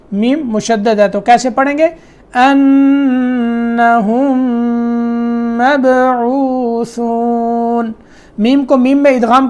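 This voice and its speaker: A middle-aged man teaching Quran recitation, correcting students with brisk explanations and quick questions. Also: extremely high pitch, a little mellow. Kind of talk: tajweed lesson correcting students.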